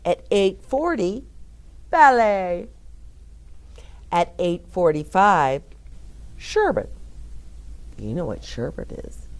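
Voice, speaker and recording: Slowly and without rushing, a storyteller reads a children's picture book in a low voice that still moves up and down a great deal, in a sing-song way. She pauses regularly to explain words and to gently question the young children listening.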